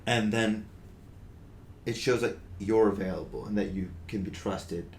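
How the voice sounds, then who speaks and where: A man's voice: fairly low pitch, steady tone, a little slow. A young man co-hosting a podcast in casual discussion, talking earnestly with many fillers and restarts. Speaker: podcast co-host. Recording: roomy with faint noise.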